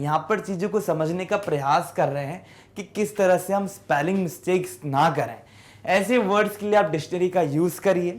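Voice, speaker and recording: A man teaching English spelling in a class lesson. He keeps asking his students questions and answers them himself, and he sounds out words slowly, one syllable at a time. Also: high-pitched.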